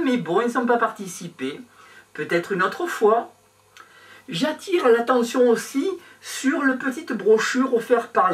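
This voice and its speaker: Older man talking slowly, with many pauses. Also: sits high, fairly bright tone, far from the mic. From Provence, France. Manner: slow, halting, with many pauses and fillers. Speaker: nativity crib maker. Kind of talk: casual presentation to camera. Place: small indoor room with a decorated table. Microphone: clip-on lapel mic.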